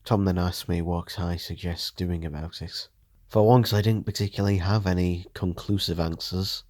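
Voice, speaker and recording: A man narrating a first-person audio drama story in a steady, measured way. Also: deep voice, no room sound, studio quality.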